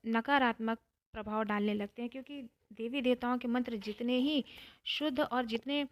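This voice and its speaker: A woman giving a calm devotional talk, explaining step by step and repeating phrases for emphasis. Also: on the high side, moderate pace. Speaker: spiritual teacher.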